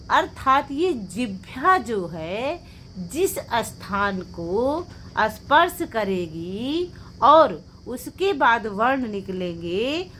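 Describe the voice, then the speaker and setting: A woman's voice: on the high side, a bit bright, slight background noise. A woman teaching an exam-prep lecture, asking the class questions and then answering them herself. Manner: drills points with rhetorical questions and repeats the answers.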